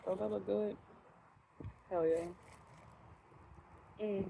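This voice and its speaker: A woman talks straight to the camera between bites of food, swearing freely and laughing at her own rants. Her voice sits at an ordinary middle pitch. Faint outdoor noise hums behind her. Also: fairly even intonation, very slow, vocal fry, narrow, tinny audio. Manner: frank, profane and laughing rant. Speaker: vlogger. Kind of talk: casual chat to camera while eating.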